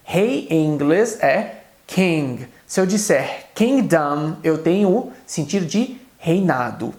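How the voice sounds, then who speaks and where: Brazilian man teaching in an echoey room. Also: a little high. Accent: Brazilian Portuguese. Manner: explains in quick Portuguese, says English examples slowly and carefully. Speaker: English teacher. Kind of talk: video lesson.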